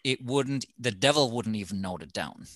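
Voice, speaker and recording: A man's voice: mid-range voice, expressive, normal speed, a bit bright, no echo. A middle-aged man from Germany with a German accent, a TV host telling stories in a casual studio chat, with many fillers. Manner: storytelling, thoughtful with many fillers.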